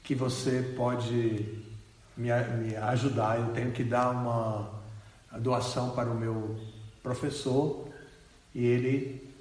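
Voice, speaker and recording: A man's voice: medium pitch, little pitch movement, slow, pauses often, a little mellow, voice pushed down, lightly acted. A man voicing a poor, innocent schoolboy, speaking earnestly and hesitantly. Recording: echoey hall reverb.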